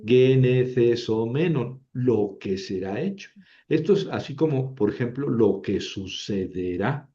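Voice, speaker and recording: A man teaching an Ancient Greek grammar lesson, slowly and patiently repeating each form and checking in with his listeners. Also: mid-range voice, expressive, warm tone, muffled recording.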